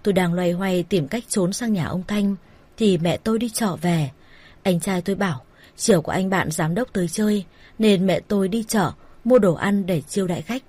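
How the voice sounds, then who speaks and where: A woman narrating a first-person romance story in a plain, steady voice. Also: medium pitch, normal speed, breathy edge. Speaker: story reader.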